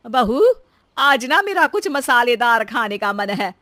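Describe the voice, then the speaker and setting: A woman plays a bossy older mother-in-law from a cartoon, sly and wheedling. The voice is high and sharp, recorded dry. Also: sing-song, unhurried, no echo, exaggerated voice.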